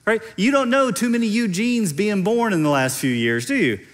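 A man's voice: high-pitched, expressive, normal speed. A middle-aged man with a Central Kentucky accent preaching in a conversational, explanatory way, repeating phrases for emphasis. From central Kentucky, United States. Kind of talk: teaching sermon on stage. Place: large indoor stage.

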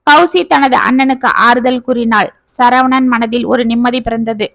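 A woman narrating a scripted family story in a steady, plain manner. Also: on the high side, normal speed, dry recording, low-quality recording.

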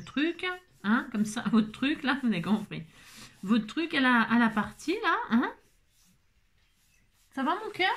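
A woman hosting a casual crafting tutorial, out of breath, chatty and full of fillers and repetitions. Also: a little high.

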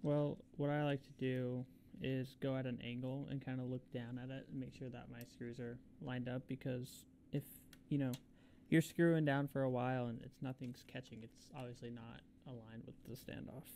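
A man's voice: medium pitch, level tone, moderate pace, vocal fry, mellow, a little hiss or hum. A man building the PC on stream, giving brief, matter-of-fact assembly tips. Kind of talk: casual technical explanation.

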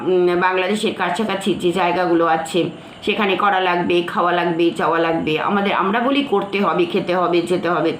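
A woman teaching literature, her voice at a middle pitch. She reads a passage aloud, then breaks it down, saying phrases twice. The room echoes around her, and a faint hiss runs underneath. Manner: reads a line, then explains it, often repeating phrases. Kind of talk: explaining a literature text to students.

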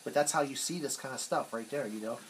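This is a man with a medium-pitched voice and a quick pace, demonstrating radio equipment casually and sometimes trailing off. As a radio hobbyist, he works in a cluttered indoor workshop, and the recording comes from a handheld camera off screen in a noisy room.

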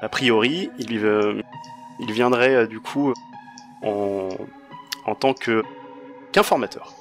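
A man narrating a tabletop role-playing game as game master, halting as he searches for words. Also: fairly low pitch. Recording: music behind the voice.

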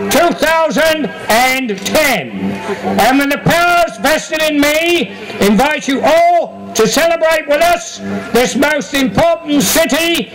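An older man calling out a ceremonial town crier's proclamation in a booming, drawn-out shout over an outdoor PA. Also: low-quality recording. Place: outdoor marquee stage at a public ceremony. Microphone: stand microphone through PA.

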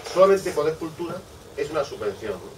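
Discursive publisher, distant mic. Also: male voice, a little high, very animated, a little fast. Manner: discursive, piles up asides and repeats "es decir". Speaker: book publisher on a panel. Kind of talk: panel discussion. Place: bookshop event space. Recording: distant mic, faint room noise.

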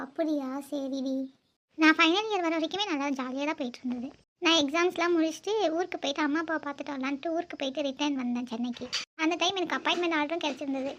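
An earnest young woman student in love, voiced by a woman for a cartoon. Her voice sits very high and her words come quickly. She talks emotionally and pleads. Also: a bit bright, highs cut off. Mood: wistful. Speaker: narrator and lead character. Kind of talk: cartoon voice acting.

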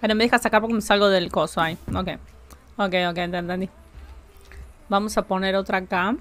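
A woman's voice: medium pitch, fairly even intonation, fairly quick. A woman with a Rioplatense Spanish accent, chatting casually with her live-stream chat while building in a game, jokey and talkative.

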